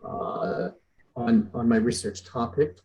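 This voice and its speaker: A man from Western Canada giving an academic presentation on a video call, measured and pausing often with "uh". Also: mid-range voice, vocal fry, dark tone, rough recording. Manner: measured, with frequent "uh" fillers. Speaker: guest speaker, PhD researcher.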